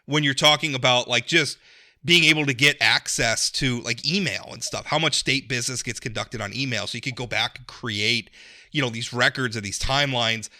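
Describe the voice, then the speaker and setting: Male commentator, casual political chat, very bright forceful tone, emphatic delivery. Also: mid-range voice, moderate pace.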